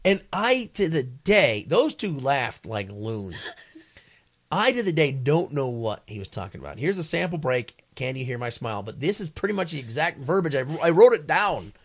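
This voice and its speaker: A man's voice: medium pitch, big pitch swings, moderate pace. A man who once worked in radio, chatting casually in a rambling, self-interrupting way. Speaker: former radio DJ. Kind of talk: casual chat.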